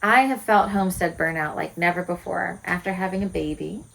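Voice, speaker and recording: A woman's voice: on the low side, fairly quick, vocal fry, a bit bright, rough recording. Candid woman of forty, earnest homesteader. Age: 40s. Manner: earnest, candid, asks many rhetorical questions. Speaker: homesteading vlogger. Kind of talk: reflective direct-to-camera talk.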